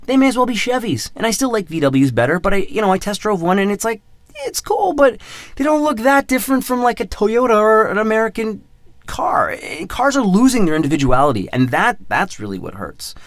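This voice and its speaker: A man's voice: high voice, dry recording. A man in his thirties hosting his own podcast in a casual, rambling monologue, mocking himself and repeating his words. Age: 30s. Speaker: podcast host.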